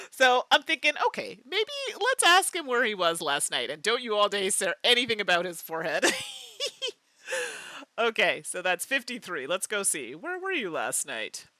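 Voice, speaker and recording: A woman streaming a mystery game live, chatting with her viewers and laughing often in an animated way. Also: medium pitch, measured pace, pauses often, no echo. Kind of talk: live game playthrough chat.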